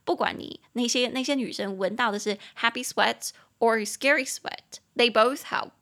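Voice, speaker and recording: Young woman teacher on a podcast, fairly high voice, chatty, goes slow on example lines. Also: bright, forceful tone. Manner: chatty, switches into slow careful English for example sentences. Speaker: English teacher podcast host. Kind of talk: casual language lesson.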